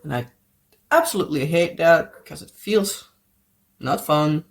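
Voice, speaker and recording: Speaking at home as a craft vlogger, this Dutch-accented Dutch woman has a low-pitched, creaky voice that's animated yet a little slow. Her crafting chat is casual and rambling, full of small laughs as she searches for the right English words.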